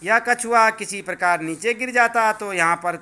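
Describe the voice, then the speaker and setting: A man's voice: high-pitched, moderate pace, sharp tone, smooth. A man voicing a hungry village man in a read-aloud story, in a plain storytelling voice that is barely changed from his own. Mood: greedy.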